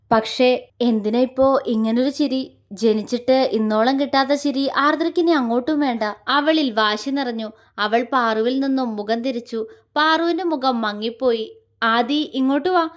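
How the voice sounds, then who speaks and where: A woman narrating a romantic audio story, reading every character's lines in her own voice. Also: high voice.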